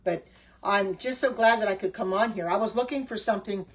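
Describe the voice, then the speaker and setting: In a rough recording, an older woman with a husky, mid-range voice talks a little fast while baking on her cooking livestream. She greets viewers by name and meanders across topics, with frequent ums, restarts, and homespun sayings.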